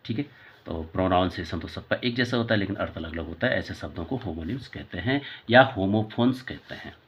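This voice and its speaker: A man's voice: deep voice, moderate pace, highs cut off, a little hiss or hum. A man teaching English vocabulary, mixing Hindi and English, spelling words out letter by letter and often correcting himself. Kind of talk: classroom lesson in Hindi and English.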